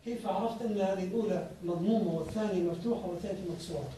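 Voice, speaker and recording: A man's voice: high voice, racing, mellow, slight background noise. A male student asking the teacher questions in class and spelling out what confuses him. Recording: echoey room, voice from far off.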